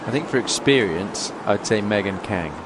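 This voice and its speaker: A man's voice: lowish voice, expressive, normal speed. A man commentating live on golf, following each putt with brief, approving remarks. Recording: loud crowd and outdoor noise. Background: crowd and outdoor ambience.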